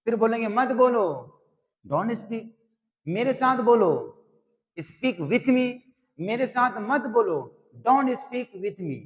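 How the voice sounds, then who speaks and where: A man teaching English grammar in a slow classroom style, repeating each phrase word by word. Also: very high voice, lively intonation, in a large hall, rough recording. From Bihar, India.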